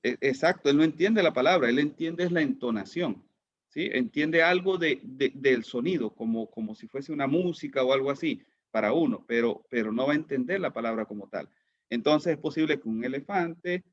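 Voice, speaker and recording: A man's voice: medium pitch, no room sound, muffled recording. A man teaching an online class, who keeps asking his students questions and repeats words as he goes. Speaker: lecturer.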